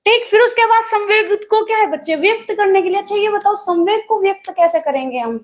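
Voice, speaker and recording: A woman's voice: very high voice, a little fast, reverberant. A young woman teaching an online exam-prep class in a chatty way, calling her students children and telling stories from her own life.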